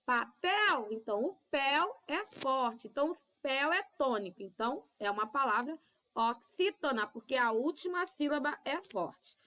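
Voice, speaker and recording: A woman with a Brazilian Portuguese accent teaching young children in a recorded class, with drawn-out syllables and constant "tá?" checks. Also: high-pitched, expressive, pushed and bright. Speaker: primary school teacher.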